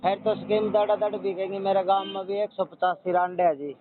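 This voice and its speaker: A man with a Haryanvi accent, from Haryana, India, rings a helpline as a customer in a joking call, sounding rustic, blunt and persistent. His voice is high-pitched and flat, moving fairly quickly. The audio is noisy and tinny, like a phone line.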